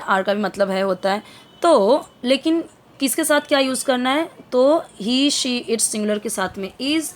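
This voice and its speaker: A woman giving an English lesson, explaining slowly in a mix of Hindi and English with many fillers. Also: fairly high pitch. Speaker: English teacher.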